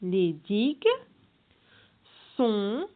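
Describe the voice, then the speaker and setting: A woman's voice: medium pitch, animated, drawn-out words. A woman teacher leading a reading lesson for children, sounding out syllables one by one and repeating each instruction. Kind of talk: slow classroom reading lesson. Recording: tinny phone-like audio.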